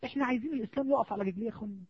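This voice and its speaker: A man with an Egyptian Arabic accent preaching a sermon, impassioned, moving between hushed pleading and rising exhortation. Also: extremely high pitch, rapid-fire, husky. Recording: dull lo-fi recording.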